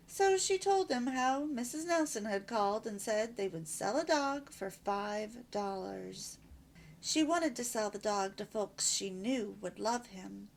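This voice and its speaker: A woman reading an old children's storybook aloud in an expressive, warm way. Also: medium pitch, unhurried, creaky. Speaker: storybook reader.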